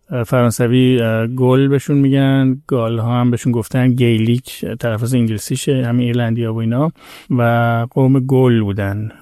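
Male podcast guest, measured explainer, dark relaxed timbre. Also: mid-range voice, dry recording, studio quality. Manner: measured, explanatory, hedges and corrects himself. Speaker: podcast guest, expert on history. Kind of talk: casual podcast chat.

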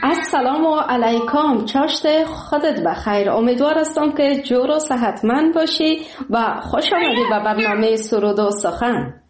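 A woman radio host with a Kabuli Dari accent, welcoming callers warmly and laughing often. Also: fairly high pitch, reverberant, background noise. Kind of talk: phone-in radio chat. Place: radio studio.

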